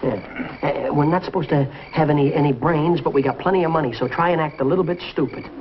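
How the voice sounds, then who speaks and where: A man's voice: fairly high pitch, slight background noise, natural voice. A young man leading a 1950s sitcom, talking eagerly and bossily. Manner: eager, fast, bossy pep talk. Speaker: sitcom lead. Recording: dull 1950s TV audio with music and audience.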